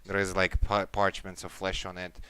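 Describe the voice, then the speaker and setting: A man narrating a tabletop game as game master, slow and deliberate, with halting fillers. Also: low voice, completely flat delivery, pushed and bright, clear, resonant tone, dry recording.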